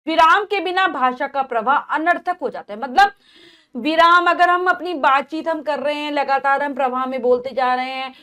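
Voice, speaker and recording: A woman's voice: high voice, normal speed, pushed and bright. A woman teacher explaining a grammar lesson to children, patiently repeating and rephrasing each point.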